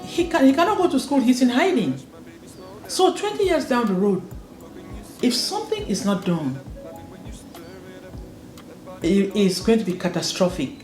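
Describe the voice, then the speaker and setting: Answering interview questions with sincerity, this Cameroonian educator from the northwest, who owns a school, repeats words for emphasis. Her fairly high voice swings widely in pitch, a little slow and mellow, with frequent pauses, in an echoey room with faint music.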